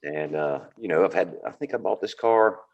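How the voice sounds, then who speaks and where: A man's voice: sits low, normal speed, a little mellow, muffled recording, a little hiss or hum. A man from North Carolina with a Southern accent, casually telling the story of his car on a video call, rambling with many fillers. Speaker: guest car owner.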